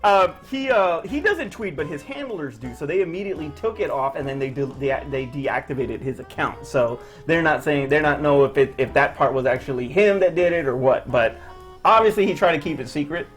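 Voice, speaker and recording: A podcast host in casual pop-culture chat, animated and chatty, often saying "freaking", over faint music. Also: medium pitch, brisk.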